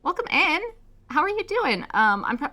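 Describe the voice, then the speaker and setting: A woman's voice: high-pitched, very animated, moderate pace, sharp tone. A woman chatting casually as a game streamer, welcoming viewers as she plays. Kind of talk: casual livestream chat and reading game dialogue aloud.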